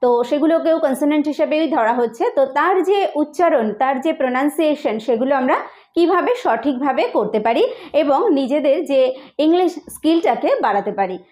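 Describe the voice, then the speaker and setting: Bengali-accented female teacher, high voice, slow repetitive explaining, online lesson. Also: animated, a little mellow. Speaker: English pronunciation teacher.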